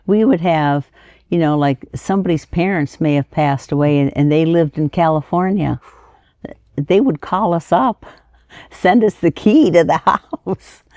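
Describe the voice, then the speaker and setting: A woman's voice: low-pitched, a little slow, warm tone, no room sound, studio quality. A woman in her sixties, plain-spoken and folksy, chatting casually as an interview guest. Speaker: auctioneer being interviewed.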